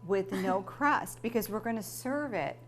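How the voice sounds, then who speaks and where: A woman's voice: medium pitch, animated, measured pace. A middle-aged woman hosting a home cooking show with her family, chatting, explaining steps and laughing often. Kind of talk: casual cooking demo with family.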